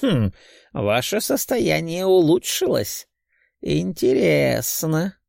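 A man doing a higher-voiced curious old doctor. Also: big pitch swings, slow pace, gravelly, darkish tone, no echo, clean studio sound, heavily acted.

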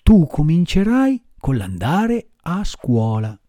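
A man voicing a patient, motherly fairy woman, speaking softly and firmly in an audiobook reading. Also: huge pitch swings, no echo, clean studio sound, exaggerated voice. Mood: gentle. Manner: soft lowered voice, measured admonishing tone. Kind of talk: audiobook character voice.

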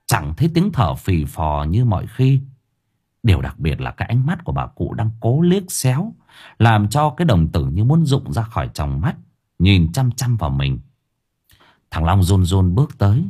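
A man narrating a horror audiobook in a dramatic, drawn-out storytelling manner. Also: lowish voice, big pitch swings, a little mellow, breathy edge. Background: faint music.

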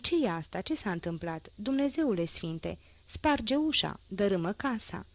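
A woman reading the part of a furious, stooped old woman who scolds and shouts. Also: mid-range voice, lively intonation. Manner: angry, scolding.

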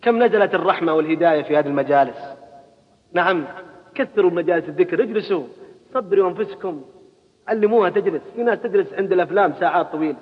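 A man preaching a colloquial sermon, swinging into loud exhortation, recorded at a mosque gathering. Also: high voice, very fast, long reverb tail, muffled recording.

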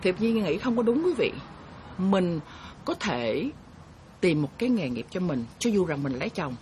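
A woman's voice: on the low side, big pitch swings, moderate pace, a little mellow, slight background noise. A woman hosting her own show, telling viewers a story in an earnest, chatty way and referring to herself by name. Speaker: host. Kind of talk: casual storytelling talk to viewers.

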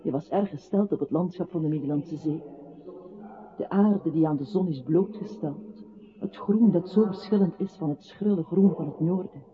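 A male actor in a radio play portrays an earnest, lyrical narrator, reciting in an articulate storytelling style. His natural voice is fairly high and moves at a normal speed, with a thin, phone-like radio sound and faint music behind it.

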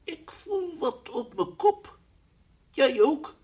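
A man voicing a playful, fussy toy lion in an old radio play, teasing at times and gently coaxing at others. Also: very high voice, sing-song, takes it slowly, heavily acted. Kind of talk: 1960s radio drama acting.

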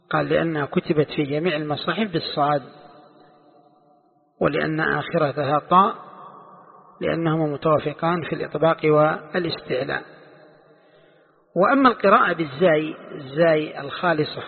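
A man with a slightly high, gravelly and husky voice teaches a classical text. He explains slowly, repeats phrases and puts questions to his listeners. The sound is thin and phone-like, with a long hall reverb. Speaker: Islamic scholar teaching tafsir.

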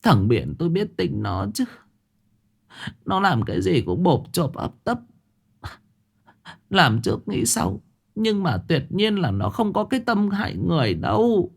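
Tearful older mother, voiced by a male narrator, raised high and pleading, anxious for her son. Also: very animated, a little slow, creaky, long pauses, breathy edge, full character voice. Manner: sobbing, pleading.

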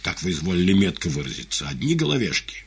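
A man voicing a sly, flattering male demon retainer in an audiobook, telling things dramatically. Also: deep voice, fast, husky, full character voice. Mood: dramatic, flattering. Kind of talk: audiobook character reading.

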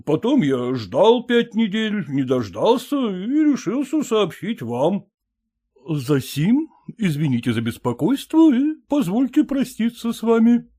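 A man voicing a polite visiting gentleman who speaks with formal, apologetic courtesy. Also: high-pitched, big pitch swings, measured pace, voice pushed up, exaggerated voice.

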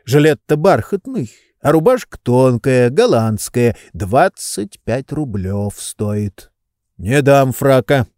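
A man voicing a grumpy, stubborn old male servant who answers curtly and gruffly, in an audiobook reading. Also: mid-range voice, very animated, takes it slowly, a little mellow, dry recording, clean studio sound. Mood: grumbling.

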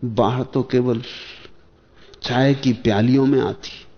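A spiritual teacher, a man, speaks in slow, measured phrases, pausing often and posing rhetorical questions. His voice has a gravelly edge at mid pitch. The sound is muffled and lo-fi, like an old archival lecture tape. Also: steady tone. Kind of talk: spiritual discourse.

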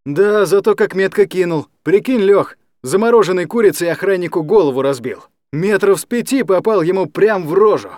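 Casting: man voicing a smirking, boozy young lad, raised pitch, animated. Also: moderate pace, hardly any pauses, dry recording. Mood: mocking. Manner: sneering, wheedling. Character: cocky mocking young drinker, man.

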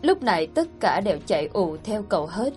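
A woman narrates an audiobook in a steady, even storytelling voice. Her pitch sits in the middle of the usual range for a woman, and faint music plays behind her. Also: a little fast. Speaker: storyteller, channel host.

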